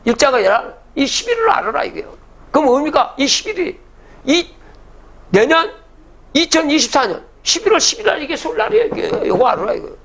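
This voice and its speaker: A man's voice: very high-pitched, very animated, fairly quick, a bit bright. An older man giving a public lecture, reciting old verses and then explaining them, often asking the audience rhetorical questions.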